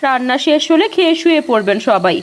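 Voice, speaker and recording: A woman's voice: high voice, animated, fast talker. A woman voicing a practical, caring village mother in a cartoon, talking in a bustling, scolding, motherly way.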